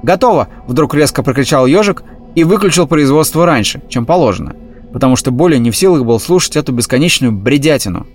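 A man reading a humorous animal story aloud in a steady, even storytelling voice. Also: mid-range voice, fast. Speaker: audiobook reader. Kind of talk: scripted storybook narration.

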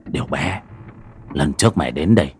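A man voicing a grave old village elder who speaks low and muttering, in a storytelling reading. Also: expressive, moderate pace, slightly rough, heavily acted. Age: older.

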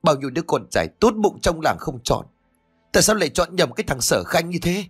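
Male reader voicing a grieving village mother in a storybook, high, tearful reproach. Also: expressive, moderate pace, vocal fry, husky, faint music behind, exaggerated voice. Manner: wailing reproach. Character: grieving scolding middle-aged village mother.

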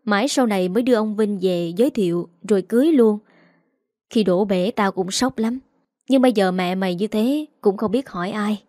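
A woman's voice: medium pitch, normal speed, mellow, dry recording, studio quality, natural voice. A woman voicing a worried, blunt middle-aged uncle from the countryside in a read-aloud story. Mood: thoughtful. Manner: plain, blunt familiar talk.

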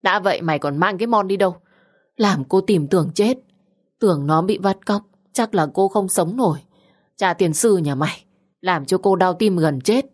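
A woman voicing a fussy middle-aged aunt who scolds in a shrill, rapid voice. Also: a little mellow, close to an everyday voice. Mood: scolding.

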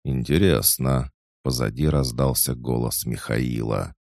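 A man narrating a first-person fantasy audiobook in a measured, steady storytelling manner. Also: a bass voice, creaky, no echo, clean studio sound.

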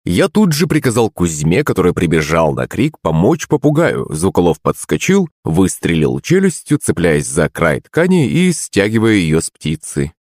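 Brief: male narrator, low, animated, dry recording. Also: moderate pace, hardly any pauses, no echo. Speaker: audiobook narrator. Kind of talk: first-person audiobook narration.

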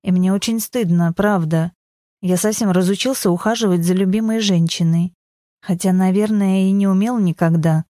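A woman's voice: mid-range voice, moderate pace, warm tone, dry recording, clean studio sound, close to an everyday voice. A woman voicing a shy, awkward grown man who speaks apologetically in an audiobook. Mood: sheepish. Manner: embarrassed, apologetic.

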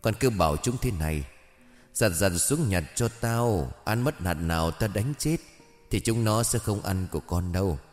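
A man voicing a gentle old male spirit who consoles a crying girl in a folk tale. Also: fairly low pitch, expressive, normal speed, long reverb tail, faint music behind, close to an everyday voice. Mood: kindly. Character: old male Buddha spirit, kindly helper.

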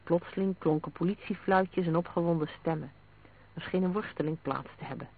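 Man narrating a detective story, high and tinny. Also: brisk. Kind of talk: audiobook reading of a detective story. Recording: narrow phone-like sound.

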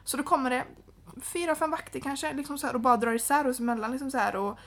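A woman's voice: sits high, a bit bright. A young woman co-hosting a podcast, chatting casually in an upbeat, talkative way. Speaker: podcast co-host. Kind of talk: casual chat.

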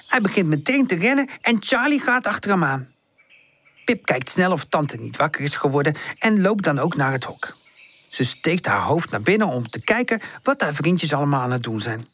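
A woman narrating a children's audiobook in an expressive, sing-song way. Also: low-pitched, no echo.

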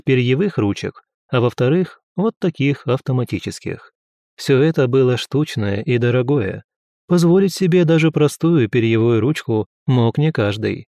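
A man's voice: medium pitch, mellow, dry recording, studio quality. A man narrating an audiobook in the first person, reading steadily and lightly voicing the dialogue.

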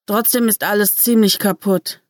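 A woman's voice: mid-range voice, steady tone, normal speed, no echo, clean studio sound, close to an everyday voice. A woman reading a story aloud, voicing a cool, pessimistic young male gang biker in a laid-back, brooding way.

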